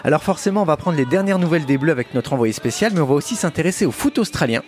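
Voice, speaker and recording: A man co-hosting a casual football podcast, quick and joking, laughing often in front of a small live audience. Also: on the high side, lively intonation, a little mellow. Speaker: co-host.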